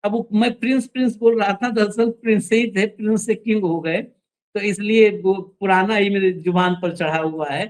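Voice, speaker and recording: A man's voice: high voice, steady tone, moderate pace, poor audio. A man hosting an opinionated news commentary show, speaking in a sarcastic, emphatic way and directing the crew to roll clips.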